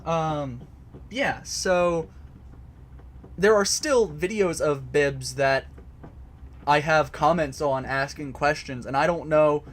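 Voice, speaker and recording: This host answers his live chat from a home basement setup, explaining a topic casually but hesitantly, full of fillers and restarts. He has a fairly high-pitched voice, speaks slowly and leaves long pauses.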